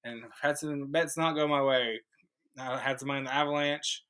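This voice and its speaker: A man's voice: mid-range voice, steady tone, brisk, fairly bright tone, clear, resonant tone, poor audio. A young man hosting a casual podcast in a shared room, telling stories with lots of fillers. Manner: rambling storyteller, many fillers. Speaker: podcast host. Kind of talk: casual chat. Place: room, recording with cohosts.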